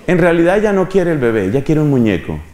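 Animated preacher man in his fifties. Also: a little high, fast, roomy sound, a faint crowd. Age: 50s. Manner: animated, rhetorical questions, acts out quotes. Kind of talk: pastoral talk to youth ministers.

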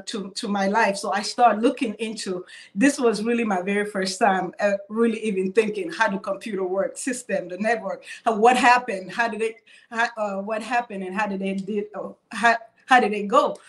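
Appearing on a video call as a cybersecurity panelist, a young Cameroonian woman shares her story in a medium-pitched, steady voice at a moderate pace. Her delivery is hesitant, filled with fillers and restarts.

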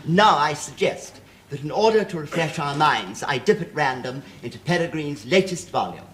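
A man's voice: fairly high pitch, animated, normal speed, fairly bright tone. A middle-aged man playing a prissy, pompous man of letters with an upper-class English accent and fussily polite, flowery speech in a TV sketch. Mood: fussy, polite. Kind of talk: 1970s TV sketch comedy acting. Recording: old studio TV, faint noise.

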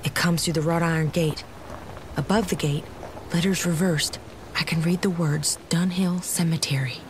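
An actress in an audio drama plays a confused young woman who was left for dead, narrating her story in a casual, wry, hesitant and wary way. Her voice is lowish with fairly even intonation at normal speed, lightly acted, with background noise and dramatic music behind her.

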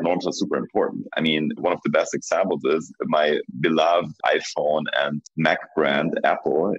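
A man who founded a startup, speaking on a panel in a measured way and thinking aloud with restarts. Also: deep voice, no echo, dull audio. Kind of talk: panel discussion.

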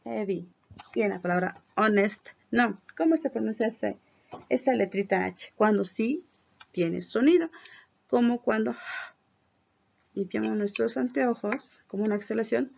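Female English teacher, gravelly edge, clear patient drills, dull lo-fi audio. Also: on the high side, lively intonation, darkish tone. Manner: explains in Spanish, models English phrases slowly and clearly. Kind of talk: classroom pronunciation lesson. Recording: dull lo-fi recording.

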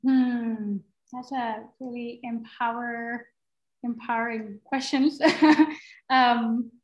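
A woman's voice: on the high side, steady tone, very slow, highs cut off. A young woman from Thailand, a guest product designer, answering questions casually on a video call, thinking aloud with fillers and restarts. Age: young adult. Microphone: laptop mic on a video call.

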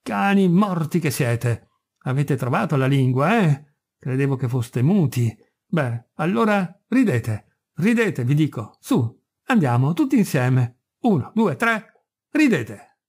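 A man voicing a delirious, spiteful first mate who rants and mocks in a shrill, unhinged way. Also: animated, moderate pace, mellow. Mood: shrieking fury. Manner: ranting, mocking, shrill when furious.

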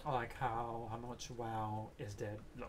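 A man's voice: mid-range voice, level tone, a little slow. A man streaming a game with casual, joking, crude chat and plenty of swearing. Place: indoor room, game sound behind. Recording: faint background game noise.

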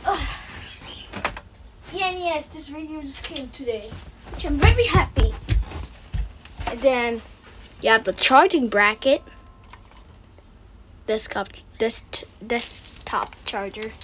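A woman hosts a relaxed unboxing video indoors in a room with a wooden floor, making brief, repetitive comments as she handles the items. Her voice is high and fairly bright, slow and full of pauses, and clicks and handling noise are audible.

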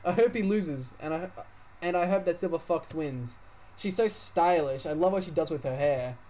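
A woman's voice: lowish voice, normal speed, dark tone, close to an everyday voice. A man voicing a haughty female dancer with a snooty, catty way of talking. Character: haughty young woman dancer, spiteful.

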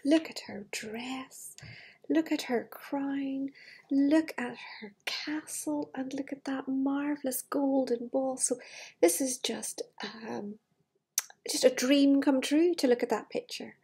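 Reading a fairytale aloud to children, this breathy middle-aged storyteller speaks in a high, mellow voice at a slow pace. She gushes wistfully about the book in chatty asides, filmed in a living room with big glass doors by a device camera held at arm's length.

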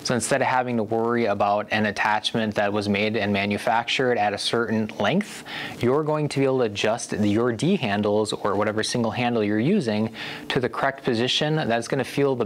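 Man in his 30s, lowish voice, casual gear-review host, faint room hum. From USA. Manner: relaxed and conversational, keeps addressing viewers as guys. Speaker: home gym equipment reviewer. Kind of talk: casual product review to camera. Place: indoor home gym.

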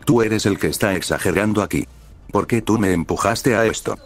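A man voicing a cheerful, naive young man in a story reading, delivered in a flat, even way. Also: fairly low pitch, brisk, soft background music. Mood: puzzled.

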